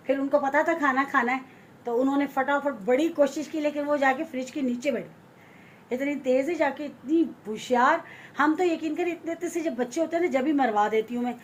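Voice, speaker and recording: A middle-aged Pakistani woman with a high voice, vlogging on her phone at home. She talks in a chatty way and tells stories with animated repeats. Faint household noise sits behind her voice. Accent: Pakistani Urdu. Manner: chatty, animated storytelling, repeats herself for emphasis; frightened and fretful at first. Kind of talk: casual family vlog chat. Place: home, moving between rooms and a balcony.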